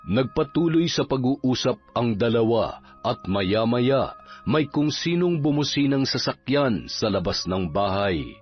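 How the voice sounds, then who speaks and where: A man giving steady, measured narration for a scripted horror story. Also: medium pitch. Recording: slightly dull recording with music underneath.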